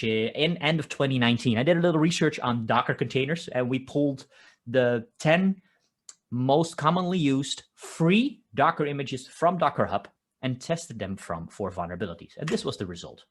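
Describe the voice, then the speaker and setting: Medium in pitch and slightly rough, this man's voice carries a Dutch accent; he's from the Netherlands. Presenting a technical conference talk in a conversational way from a home office while construction goes on outside, he often restarts his phrases and fills gaps with "uh."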